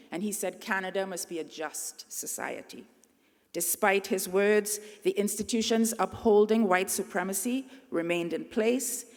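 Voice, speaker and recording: Middle-aged trini woman giving a graduation speech, kinda gravelly voice, big echoey hall. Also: mid-range voice, a little mellow. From Trinidad and Tobago. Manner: earnest, measured, speaking to a crowd. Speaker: convocation speaker. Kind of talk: commencement address. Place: large convocation hall. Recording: long hall reverb.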